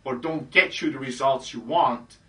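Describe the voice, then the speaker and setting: A man, a dating coach, casually telling a story in a chatty way, full of fillers and lively re-enactments. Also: medium pitch, normal speed, far from the mic, low-quality recording.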